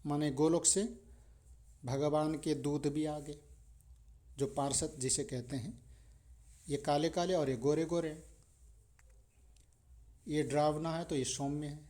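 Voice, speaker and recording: Colloquial, warm-voiced male religious storyteller. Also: on the high side. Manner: colloquial, animated, addresses listeners as brother. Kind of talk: devotional storytelling sermon.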